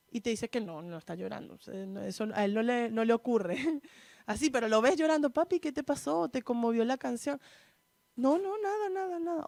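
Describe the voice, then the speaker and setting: A Chilean woman speaks to a church gathering in a somewhat high voice, laying out her points in clear steps and pausing often to check that the audience follows. The recording is dry, with little room sound. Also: no echo. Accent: Chilean Spanish. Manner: asks the audience frequent checking questions; didactic, structured in steps. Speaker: psychologist giving a church talk. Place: church hall.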